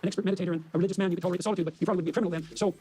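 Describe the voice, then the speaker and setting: A man speaking in a measured, lecturing way as a guest on a stage discussion. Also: high-pitched, steady tone, dark tone, slightly rough. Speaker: panel guest.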